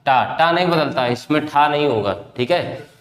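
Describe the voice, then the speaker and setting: Male teacher, fairly high voice, exam-prep lecture, quizzes students, echoey classroom. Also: normal speed. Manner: repeats words and quizzes students with questions; addresses students fondly as beta and bhaiya. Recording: echoey classroom with long reverb.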